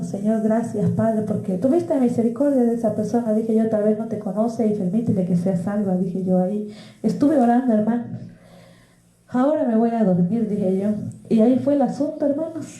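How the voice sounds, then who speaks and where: A woman's voice: mid-range voice, dark tone, roomy sound, low-quality recording. A woman with a Mexican Spanish accent, preaching a testimony sermon in a storytelling manner, often calling out to her brothers in the faith. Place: church.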